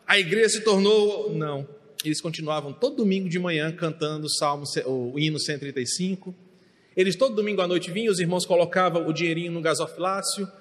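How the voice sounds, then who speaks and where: Impassioned pastor preaching in a reverberant church. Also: male voice, high voice. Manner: impassioned, rises to near shouting at times. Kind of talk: sermon. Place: church sanctuary. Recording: long hall reverb.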